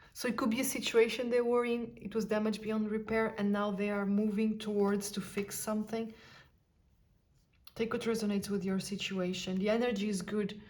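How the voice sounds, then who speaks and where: A woman giving an intuitive tarot reading, talking softly and musing aloud with sighs and pauses. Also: medium pitch. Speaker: tarot card reader.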